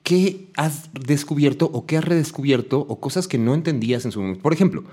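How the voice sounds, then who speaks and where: A quick-talking man, hosting a relaxed conversation. He rattles through his questions, drops in constant little agreements, and keeps the talk moving. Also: on the high side, slightly rough. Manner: quick, chatty, frequent filler agreements. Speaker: podcast host. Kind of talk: casual conversational interview.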